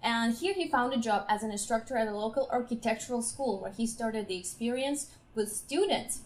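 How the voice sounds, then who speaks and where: A woman's voice: fairly high pitch, fairly quick, slight background noise. A woman hosting a podcast, reading out her guest's introduction in an upbeat way and laughing often. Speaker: podcast host.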